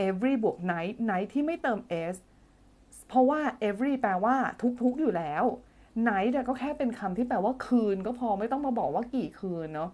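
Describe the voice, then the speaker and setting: On a live stream, a woman teaches English grammar, reading viewer comments aloud in a chatty, playful way, laughing often and humming while she thinks out loud. Her voice is a little high and expressive, with a darkish tone and a moderate pace. It sounds like a phone or desk mic set up for streaming.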